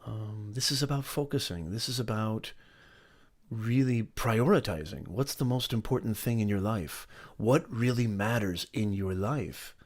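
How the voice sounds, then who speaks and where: A man's voice: on the low side, unhurried, a little mellow. A middle-aged man hosting a motivational live stream, talking emphatically, repeating his points and greeting viewers by name.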